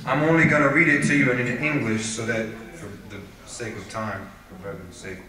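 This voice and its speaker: A man giving a sermon at a religious gathering, reading aloud in a measured, steady way. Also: mid-range voice. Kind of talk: sermon with read-aloud prayer. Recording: echoey hall, voice from far off.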